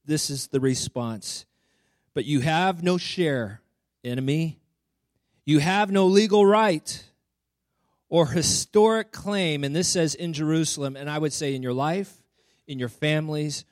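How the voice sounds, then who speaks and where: A man's voice: on the high side, measured pace, no echo. A man delivers a sermon in a slightly raised voice, earnest and driving toward emphatic exhortation. He stumbles over repeated words as he pushes forward. The sound is dry and close, with no room around it. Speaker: preacher.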